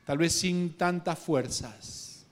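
Preaching with a Guatemalan Spanish accent, a man tells a Bible story full of local slang and humor, moving from hushed reading to louder bursts. His voice is on the high side and he takes it slowly.

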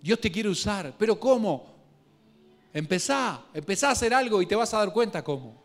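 Guatemalan preacher with a higher voice. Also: male voice, very animated, normal speed. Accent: Guatemalan Spanish. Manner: storytelling with local slang and humor, swings from hushed to loud. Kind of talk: sermon.

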